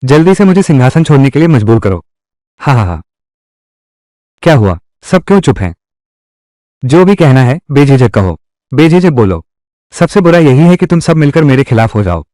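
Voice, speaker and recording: A man's voice: medium pitch, very animated, normal speed, long pauses, warm tone, dry recording, studio quality, close to an everyday voice. A man voicing a cunning young emperor who mocks his court in a dubbed historical drama. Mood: scheming, taunting. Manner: taunting, with sly chuckles. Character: scheming young male emperor, mocking and cunning. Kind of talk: Hindi dub of a historical drama.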